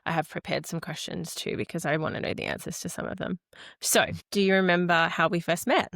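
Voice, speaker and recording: A woman's voice: on the low side, fairly even intonation, fairly quick, gravelly, fairly bright tone, no echo, studio quality. A woman hosting a podcast, talking in an upbeat, chatty way. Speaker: podcast host. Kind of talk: casual chat.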